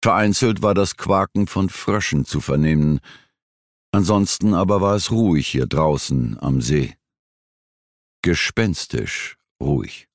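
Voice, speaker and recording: A man narrating a thriller audiobook in a measured, suspenseful scripted style. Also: sits low, lively intonation, creaky, no echo, clean studio sound.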